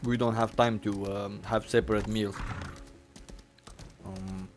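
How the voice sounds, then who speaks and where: A man's voice: fairly low pitch, flat delivery, slow, soft background music. Rambling male game streamer, mouth full. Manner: rambling, full of fillers and restarts, talking with his mouth full. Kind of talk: casual live-stream chat. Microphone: desk mic.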